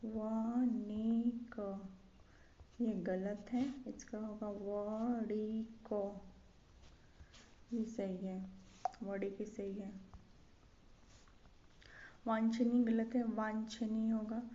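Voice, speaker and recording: Speaking slowly and flatly in a dark, mid-pitched voice, a young adult woman coaches students for an exam. She says every word over and over, setting incorrect spellings beside the right ones. The recording sounds slightly dull and lo-fi, with faint noise behind her.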